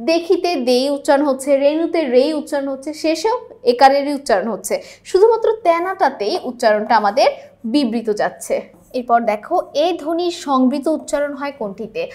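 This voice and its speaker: A young woman teacher going through multiple-choice exam questions, often asking the listener rhetorical questions to check they follow. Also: sits high. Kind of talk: exam-prep lesson explaining answers.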